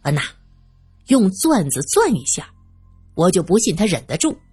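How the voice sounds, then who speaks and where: A woman voicing a coldly amused young man who makes cruel suggestions calmly. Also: on the low side, normal speed, husky, faint music behind, full character voice. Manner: calm, matter-of-fact, coldly amused.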